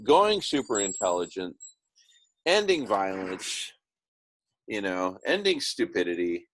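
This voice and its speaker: A man with a fairly low voice hosts a casual online discussion. He rambles in an idealistic, enthusiastic way, repeating phrases for emphasis. He is speaking through earbuds on a video call. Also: big pitch swings, slow, background noise. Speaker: host of an online group discussion. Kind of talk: casual, rambling visionary talk.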